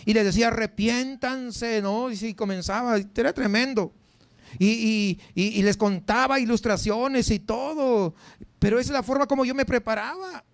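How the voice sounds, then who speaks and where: A man's voice: high-pitched, no echo. A male pastor, preaching a sermon in a conversational, storytelling way, full of rhetorical questions to the congregation. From Mexico. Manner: conversational, animated storytelling with many rhetorical questions and filler words.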